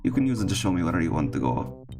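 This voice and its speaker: A man's voice: low voice, very animated, fast talker. A man reading a laid-back ferry captain. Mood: easygoing. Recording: game music playing behind.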